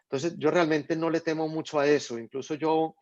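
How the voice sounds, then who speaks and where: A Colombian writer from Medellín, appearing as a guest on a video call, speaks thoughtfully but hesitantly, often restarting and repeating words. His voice is a little high and steady, and he talks fairly quickly. The call audio is dull and lo-fi, without echo.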